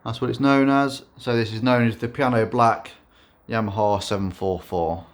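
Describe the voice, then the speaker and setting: A man showing his custom motorbike in a casual vlog, speaking in a self-described monotone with many fillers and restarts. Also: mid-range voice, normal speed.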